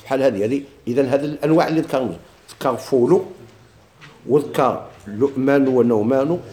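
A man's voice: medium pitch, fast talker, dark tone, a little hiss or hum. A man with a Moroccan Arabic accent teaching Arabic grammar, asking and answering his own questions and repeating examples. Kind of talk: classroom explanation of a grammar text.

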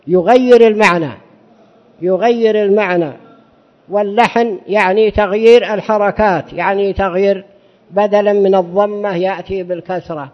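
Male fiqh teacher, high voice, explanatory lecture style, long reverb. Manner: explanatory, poses and answers his own questions. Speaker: Islamic jurisprudence teacher. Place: large mosque hall. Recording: dull lo-fi sound with long hall reverb.

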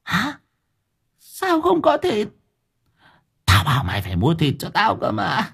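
A man voicing a crazed, ravenous old grandmother who screeches curses in a raspy, cracking voice. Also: sits high, huge pitch swings, a bit bright, voice pushed up, heavily acted. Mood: screaming rage. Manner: screeching curses, drawn-out wails.

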